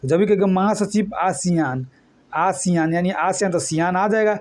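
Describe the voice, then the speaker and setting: A man's voice: sits high, moderate pace. A man from eastern India, teaching an exam-prep lesson with memory tricks. He talks colloquially and keeps quizzing his students.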